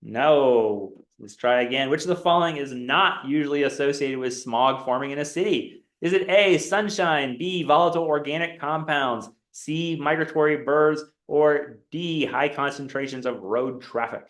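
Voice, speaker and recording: A male teacher with a fairly high voice reads multiple-choice options to his class during a quiz review game, his tone rising as if asking. He speaks at a moderate pace with hardly any pauses, in an echoey lecture classroom.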